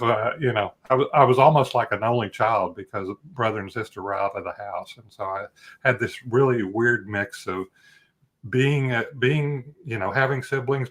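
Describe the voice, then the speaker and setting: A man's voice: on the low side, fairly bright tone. A middle-aged man from Texas, a life coach guest speaking earnestly and reflectively in a casual interview. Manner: earnest, reflective, with many fillers.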